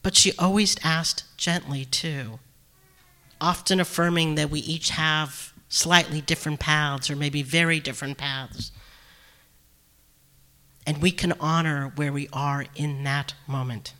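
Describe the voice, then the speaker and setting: A male minister giving a sermon in a slow, reflective way with long pauses. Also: a little high, fairly even intonation, pushed and bright.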